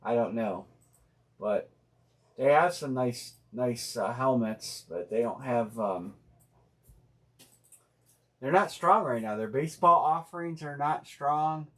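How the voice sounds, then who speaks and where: A man hosting a live sports card break stream, talking casually and thinking out loud with plenty of fillers and restarts. He speaks bluntly and uses slang. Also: medium pitch, slow, pauses often. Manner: rambling, thinking aloud with many fillers and restarts.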